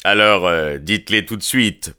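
A man's voice: deep voice, normal speed, bright, forceful tone, clear, resonant tone. A man voicing a hot-tempered young Irish newcomer in an audiobook, speaking bluntly and forthrightly. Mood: firm. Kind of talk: audiobook character reading.

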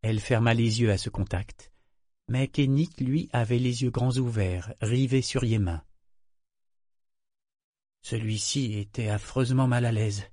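A man giving a measured, scripted audiobook narration on a close studio mic. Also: mid-range voice, warm tone, dry recording.

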